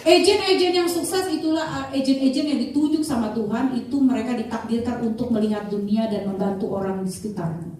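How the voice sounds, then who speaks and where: High-voiced woman in an echoey room. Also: fairly quick, hardly any pauses, some chatter behind, slight background noise. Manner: animated, switches voices to act out quoted people. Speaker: insurance sales trainer. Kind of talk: motivational sales training talk. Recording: very echoey room, voice from far off the mic.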